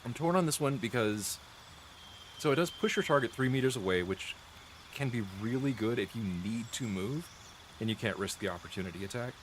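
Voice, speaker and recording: A little fast and animated, this medium-pitched man describes game spells while playing, with a slight hiss or hum on the recording. He chats loosely, rambles, thinks aloud and keeps correcting himself. A dry throat makes him cough often, right up against his desk mic.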